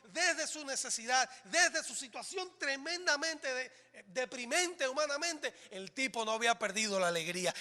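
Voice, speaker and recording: A male pastor preaching a sermon in a church, dramatic, swinging between loud exclamations and hushed lines. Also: very high voice. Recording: reverberant church hall.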